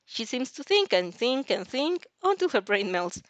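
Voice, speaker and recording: A woman with a high voice and big pitch swings reads a fan story aloud at normal speed, narrating and reacting as she goes. She's informal and giggly, stumbling over lines. The recording is dry, with the highs cut off.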